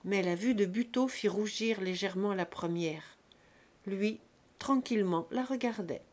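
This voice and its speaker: A woman narrating an audiobook of a classic novel in a calm, measured reading voice. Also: mid-range voice. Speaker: audiobook reader.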